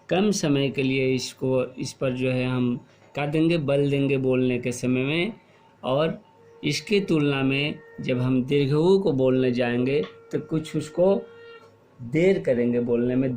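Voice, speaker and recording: A middle-aged man teaching a class, explaining slowly and asking questions, then repeating the answers. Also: mid-range voice, darkish tone. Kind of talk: classroom lesson.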